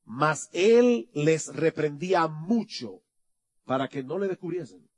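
Spanish-speaking pastor preaching with dramatic swings. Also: male voice, fairly high pitch, animated, takes it slowly. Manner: dramatic swings from quiet to loud, rhetorical questions. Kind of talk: sermon.

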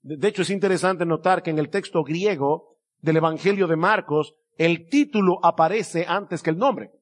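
High-voiced male preacher giving a sermon. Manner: emphatic, slows down to stress key words.

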